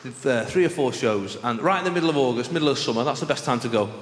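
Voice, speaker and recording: A man's voice: mid-range voice, lively intonation, rapid-fire. A man with a Mancunian accent performing stand-up comedy to a live audience, telling stories in a chatty, conversational way and acting out exchanges. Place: on stage in a large venue. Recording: echoey live hall with clear background noise.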